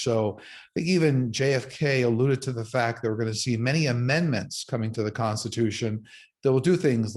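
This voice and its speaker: A man hosting his own online show and talking straight to viewers in a loose, conversational way, with many fillers and restarts. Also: medium pitch. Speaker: psychic medium host. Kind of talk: casual monologue to viewers.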